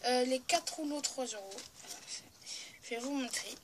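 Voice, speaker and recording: A woman's voice: high voice, normal speed, background noise. A woman chatting casually in a haul video, showing her purchases with enthusiasm and often correcting herself and apologizing. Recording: loud crinkling of packaging and clicks close to the mic.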